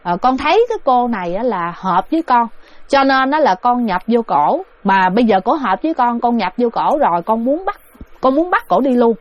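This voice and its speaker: A woman's voice: fairly high pitch, sing-song, normal speed, no room sound. A woman voicing a young woman possessed by a drowned man's ghost, crying out shrilly. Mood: pleading. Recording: dull, dry recording.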